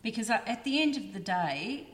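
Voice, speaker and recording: A woman's voice: fairly high pitch, animated, normal speed, big-room sound. A woman talking casually as a podcast guest, with lots of ums and you knows. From Australia. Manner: chatty, many fillers like um and you know. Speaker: guest, printing business representative.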